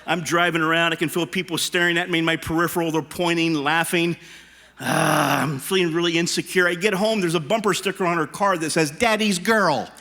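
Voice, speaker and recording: A man in his fifties performing clean stand-up comedy to a live audience, animated and teasing, putting questions straight to the crowd. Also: a little high, a little fast. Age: 50s. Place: live stage show before an audience.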